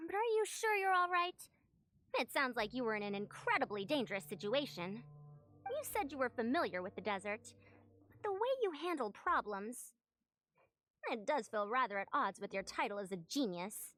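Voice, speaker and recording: A woman voicing a sharp, formal woman scholar with an old-fashioned way of speaking. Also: on the high side, very animated, normal speed.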